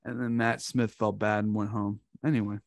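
A man in his twenties hosting a podcast, telling stories in casual chat with lots of swearing and animated delivery. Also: lowish voice, moderate pace, no echo, clean studio sound. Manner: profane, animated storytelling. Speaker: podcast host.

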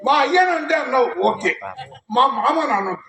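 A male stage comedian at a temple festival, boastful and bantering, often shouting. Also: very high voice, sing-song, a little fast. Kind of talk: live village stage comedy. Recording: echoey stage sound from far, loud crowd.

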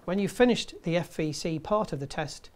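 A man in his fifties presenting a scripted tutorial in a measured, step-by-step way. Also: on the high side. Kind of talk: scripted instructional narration.

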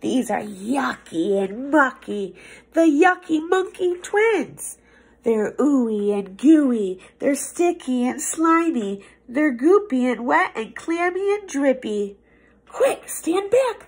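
High-pitched and husky, a young adult woman's voice brings a children's storybook to life in a small indoor office room. She reads like a teacher, expressive and playful, drawing out words for effect and tucking in hushed asides.

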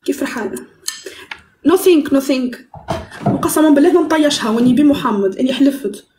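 A woman's voice: high-pitched, animated, a little fast, a little mellow, echoey room, slight background noise. A woman with a Tunisian accent chatting playfully on a live stream while baking, teasing and slipping into broken English.

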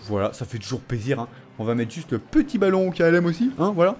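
Very animated and quick, a young gaming YouTuber with a slightly high, darkish voice jokes through his gameplay while teasing the viewer and his opponent. Faint background noise runs through the clip.

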